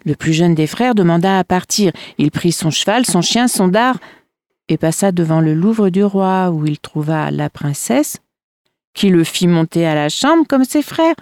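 Slow, expressive woman storyteller. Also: on the low side, no room sound, studio quality. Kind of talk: reading folk tales aloud.

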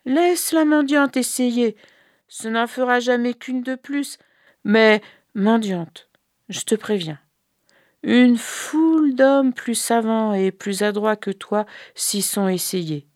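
A woman voicing a sick, weary older man who speaks in a slow, warning tone. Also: fairly high pitch, a little mellow, no echo, studio quality, voice pushed up. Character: sick, weary old brother lying in pain.

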